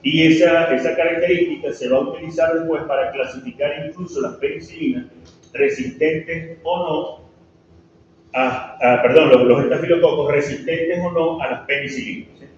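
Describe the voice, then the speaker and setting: This pharmacology lecturer, a man with a slightly high voice and a Venezuelan Spanish accent, speaks at normal speed to a large class. He often checks in with students, asking them questions and saying "¿sí?" again and again. A distant mic captures him with echo, muffling, and slight background noise.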